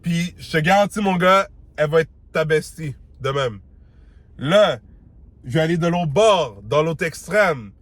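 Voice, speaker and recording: A man's voice: on the high side, expressive, measured pace, fairly bright tone, no echo. A man with a Québécois French accent giving dating advice in a casual, slangy monologue, dropping English words and acting out the lines he quotes.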